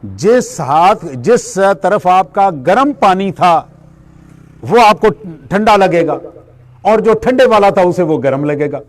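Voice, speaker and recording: High-voiced man giving a spiritual talk. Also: lively intonation. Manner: explains with everyday examples, asks and answers his own questions. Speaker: religious speaker. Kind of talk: spiritual lecture.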